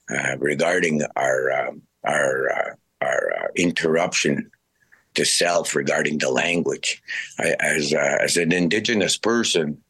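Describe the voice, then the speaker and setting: A man giving reflective interview talk in a halting, deliberate way with many pauses. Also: very deep voice, fairly bright tone, husky. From Canada, Saddle Lake Cree Nation. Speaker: interview guest, musician and language speaker.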